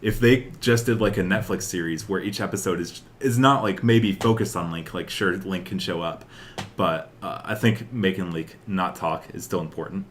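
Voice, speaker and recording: There's slight background noise behind this young man's low voice as he co-hosts a podcast at a moderate pace. He rambles eagerly about films and games, often hesitating over his words.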